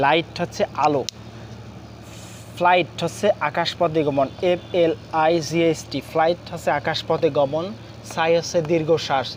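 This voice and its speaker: A man teaching a spoken English lesson, drilling spellings quickly in Bengali and speaking halting English with many fillers. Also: fairly high pitch, a little hiss or hum.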